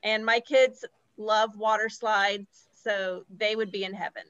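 A woman's voice: mid-range voice, steady tone, unhurried, a bit bright, smooth, no room sound, muffled recording. A woman co-hosting a casual podcast chat, chatty and laughing easily. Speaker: podcast co-host.

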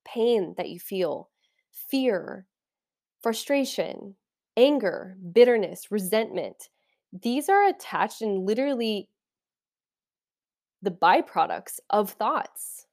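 A woman coach talks casually on her podcast, her enthusiasm showing as she wanders from one thought to the next. Her voice sits at an average pitch, and her delivery is warm-hearted but loose, like a chat with a friend. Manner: enthusiastic, meandering, conversational. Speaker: podcast host and life coach. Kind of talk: casual spiritual talk.

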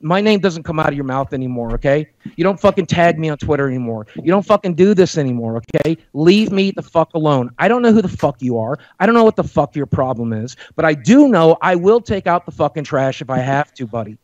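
A man's voice: a little high, animated, brisk, few pauses, darkish tone, dry recording. A man in a heated call-in argument, furious and profane, repeating threats. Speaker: caller in a heated debate. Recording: muffled dry call audio.

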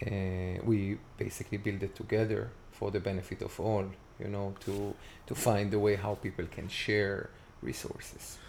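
Gravelly Israeli man, halting speech. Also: fairly low pitch, level tone, a little mellow, slight background noise. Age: 40s. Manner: halting, searching for words with many fillers. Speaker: guest. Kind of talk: casual interview conversation.

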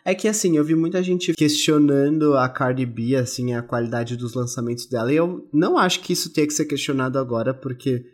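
Husky-voiced man in podcast chat. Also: medium pitch, fairly even intonation, fairly quick, hardly any pauses. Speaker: podcast co-host. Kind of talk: casual music chat.

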